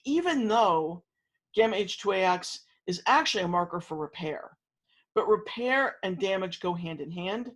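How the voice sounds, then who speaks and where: Higher-voiced man giving a halting lecture. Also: fairly bright tone, poor audio. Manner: halting, many fillers and restarts. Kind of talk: university lecture.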